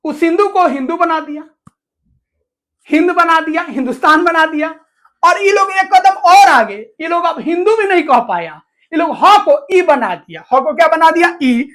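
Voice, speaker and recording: A woman's voice: extremely high pitch, lively intonation, moderate pace, a bit bright. A woman teacher explaining a school lesson, asking questions and answering them herself with lots of repetition. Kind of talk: classroom lesson explaining to students.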